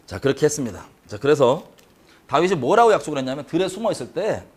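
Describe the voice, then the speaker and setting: A middle-aged man teaching a Bible study, preaching in an animated way and acting out scripture quotes with sudden swings in pitch and loudness. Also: breathy edge.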